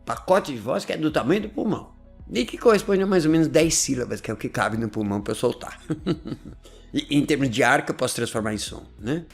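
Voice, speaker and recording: A man gives a relaxed explanatory talk, his voice gravelly with fry. His pitch swings widely as he talks, and soft music plays faintly underneath. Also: a little fast. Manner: chatty, laughs often, keeps checking in with "né?" and "tá?". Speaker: host explaining language learning.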